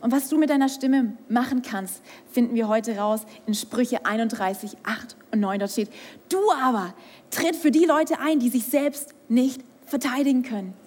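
A young woman preaching a sermon in speech, her voice pitched high. She presses her points with rhetorical questions and now and then drops to a hushed near-whisper. Long reverb hangs after her words, as in a large hall. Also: normal speed.

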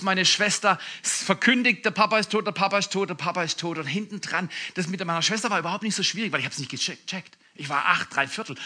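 A male pastor preaching a sermon, telling stories with animated emphasis and asides. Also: high-pitched, husky.

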